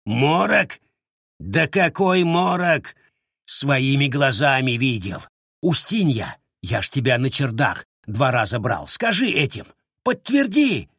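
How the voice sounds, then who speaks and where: A shrill, sobbing greedy peasant. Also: male voice, very animated, slow pace, a bit bright, slightly rough, dry recording, clean studio sound, heavily acted. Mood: wailing. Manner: shrill, sobbing, self-pitying rants. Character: greedy foolish peasant man, wailing.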